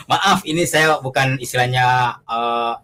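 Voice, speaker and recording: A man's voice: medium pitch, slow, pushed and bright, a little hiss or hum. Earnest man telling a personal testimony. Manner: earnest storytelling, acts out quoted voices, frequent fillers. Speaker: guest giving a testimony. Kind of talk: conversational testimony.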